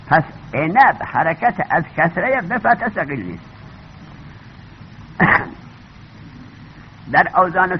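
Lively high-voiced male teacher lecturing. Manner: questions the class and repeats key points. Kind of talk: classroom lecture on grammar. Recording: dull lo-fi recording with faint noise.

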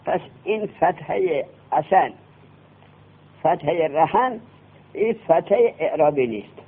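A man teaching a classroom grammar lesson, quizzing his students with quick questions. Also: on the high side, expressive, husky. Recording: tinny lo-fi classroom recording.

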